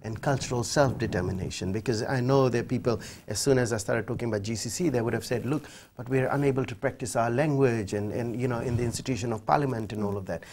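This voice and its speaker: A man's voice: medium pitch, quick pace, few pauses, a little mellow, a little hiss or hum. Emphatic man with a Fiji Indian accent. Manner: emphatic, articulate, formal vocabulary. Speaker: human rights official, interview guest. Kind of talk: impassioned TV interview answers. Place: TV studio. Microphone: lapel mic.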